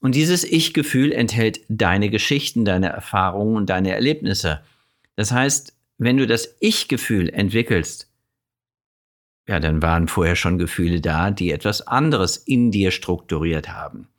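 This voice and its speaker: A man talks through psychological ideas in a steady, explanatory way, speaking straight to the listener. He poses rhetorical questions, then answers them himself. He often stops mid-sentence to correct his own wording. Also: lowish voice, a little slow. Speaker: self-help video presenter. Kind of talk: explanatory monologue addressing the listener directly.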